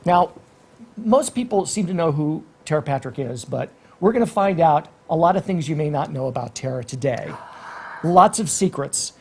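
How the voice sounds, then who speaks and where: A man's voice: a little high, animated, normal speed, gravelly, darkish tone, breathy edge. A man hosting a casual interview show, effusive and rambling as he introduces and questions his guest. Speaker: talk show host.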